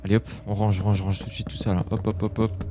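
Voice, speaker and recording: A man's voice: lowish voice, level tone, fast talker. A young man giving casual Let's Play commentary, chatty and jumpy, breaking into scared yelps. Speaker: gaming YouTuber. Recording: faint game music behind.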